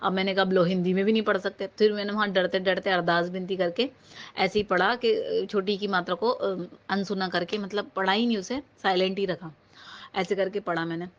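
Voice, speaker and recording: A woman's voice: mid-range voice, steady tone, a little fast. A woman from Uttar Pradesh telling a personal devotional story to a congregation, rambling, with many fillers and restarts. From Uttar Pradesh, India. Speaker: devotee sharing a testimony. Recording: slightly dull home phone recording.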